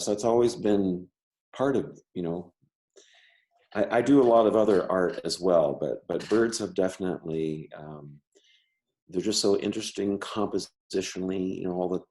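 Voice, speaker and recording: Man, stutters, casual interview talk, low pitch, slow unhurried pace. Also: warm tone. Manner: stutters, with repeated words and restarts. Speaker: member artist; teacher.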